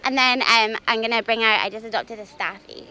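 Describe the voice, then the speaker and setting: A chatty, expressive woman from the west of Ireland, talking casually as she is interviewed. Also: on the high side, a little fast, low-quality recording. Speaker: passer-by being interviewed. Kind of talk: casual chat. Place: outdoors in a city park.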